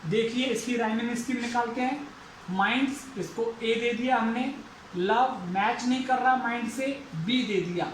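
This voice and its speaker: A man's voice: extremely high pitch, normal speed, echoey room, a little hiss or hum, low-quality recording. A man teaching an English lesson, going through it methodically and repeating each step aloud. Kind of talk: explaining a lesson.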